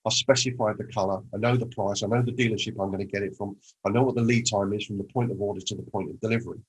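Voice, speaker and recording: A decisive woman lists her plans point by point in a low, husky voice, as a man quotes her. She sounds firm and certain. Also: steady tone, racing, low-quality recording. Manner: crisp, certain. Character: decisive young woman, precise.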